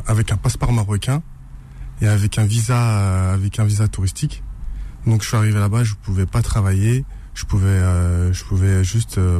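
A man's voice: fairly low pitch, warm tone, slight background noise. A man from France, a guest author in a radio interview, speaking hesitantly with many fillers and restarts.

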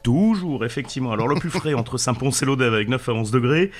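A man delivers a radio weather forecast from the studio in a mid-range, unremarkable voice. He keeps it chatty and jokey, and stumbles over the odd word with small fillers. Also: mid-range voice. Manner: chatty, joking, slightly halting with fillers.

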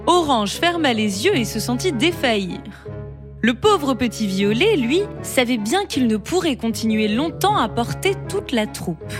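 Female storyteller, expressive bedtime-story narration, slightly high voice, over music. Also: measured pace. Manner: expressive, melodic reading. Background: background music.

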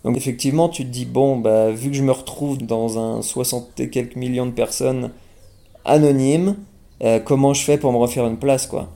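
A young man from France talks casually as an interview guest, his voice low in warmth and roughened with fry. He hesitates often, restarting his sentences and filling gaps. His tone stays relaxed and mellow throughout. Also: moderate pace. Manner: hesitant, many fillers and restarts. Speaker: guest singer-songwriter.

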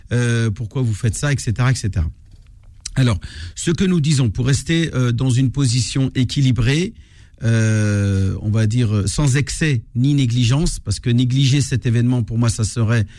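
A man's voice: medium pitch, a little mellow, dry recording, studio quality. A man, an imam explaining religion in a live radio discussion, hesitant and searching for words. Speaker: imam, regular radio guest.

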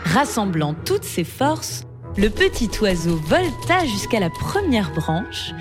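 Expressive woman telling a fairy tale. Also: medium pitch, slow. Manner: expressive, lively reading. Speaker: storyteller. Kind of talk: storybook narration. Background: background music.

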